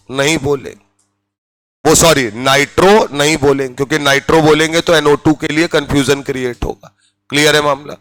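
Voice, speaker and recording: A man teaches a chemistry class in Hindi, repeatedly checking in with students and spelling out each term. His voice is on the high side and a bit bright, and the recording is rough with no room sound.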